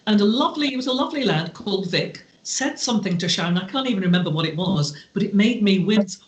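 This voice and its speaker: A woman speaks slowly and deliberately, with a heartfelt, reflective tone and a pitch that sits in a middle range. Her voice rings with a roomy echo, as though recorded in an open, bare room. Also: lively intonation. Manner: slow, deliberate, heartfelt delivery. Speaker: podcast guest. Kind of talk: reflective storytelling in conversation.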